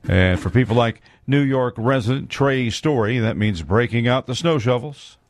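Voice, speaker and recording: A man reading scripted radio news as anchor in a measured, steady way. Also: mid-range voice, dry recording. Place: studio.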